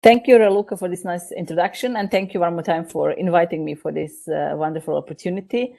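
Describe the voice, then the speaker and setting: Woman, from Croatia, low pitch, gravelly, podcast guest, polite, hesitant. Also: fast talker, dark tone. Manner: polite, hesitant with many fillers. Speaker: company CEO, podcast guest. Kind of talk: casual podcast conversation.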